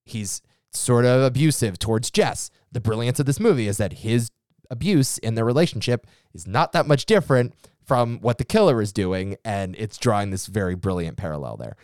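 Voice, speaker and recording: A man co-hosting a casual film podcast, animated, joking and swearing. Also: fairly low pitch, moderate pace, clear, resonant tone, dry recording, clean studio sound. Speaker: podcast co-host.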